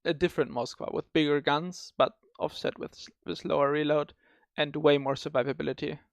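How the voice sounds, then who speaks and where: Higher-voiced, creaky man hosting a podcast. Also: fairly even intonation, brisk, dry recording. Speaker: podcast host. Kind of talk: casual gaming discussion.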